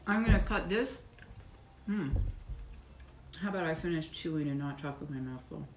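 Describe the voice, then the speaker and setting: A woman's voice: low-pitched, lively intonation, moderate pace. A middle-aged woman chatting casually on a live stream while she cuts soap, rambling and talking between bites. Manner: chatty, rambling, talks while chewing and working. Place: home soap workshop. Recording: echoey room with clear background noise.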